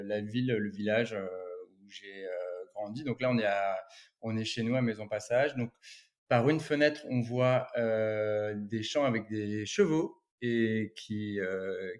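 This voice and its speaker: A man's voice: fairly low pitch, steady tone, unhurried. A man from Brittany, a photographer, talking as an interview guest in a rambling way with many restarts. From Brittany, France. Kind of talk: casual interview chat.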